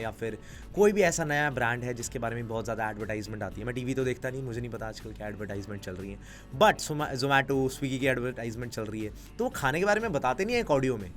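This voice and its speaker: Man, young adult, casual explainer, mid-pitched, chatty, faint music behind. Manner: conversational, mixes Hindi with English phrases. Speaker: business YouTuber.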